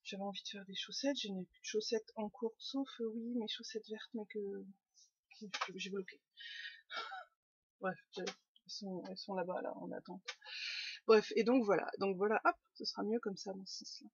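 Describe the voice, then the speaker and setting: A woman's voice: mid-range voice, steady tone, normal speed, breathy edge, dry recording, highs cut off. Woman, knitting podcast host, casual rambling chat, dry close webcam sound. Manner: chatty, rambling, lots of fillers and restarts. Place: home room.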